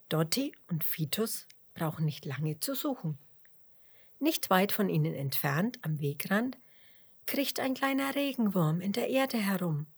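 Woman reading a kids bedtime story, slow, whispery and husky, voice goes up and down a lot. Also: lowish voice. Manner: soft half-whispered, slow and gentle. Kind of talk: children's bedtime story narration.

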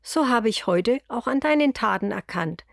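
A woman voicing a loving, patient old grandfather in a storybook, speaking in a gentle, reassuring way. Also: fairly high pitch, animated, moderate pace, gravelly, no room sound, studio quality, pitched above the performer's own voice. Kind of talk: storybook character voice.

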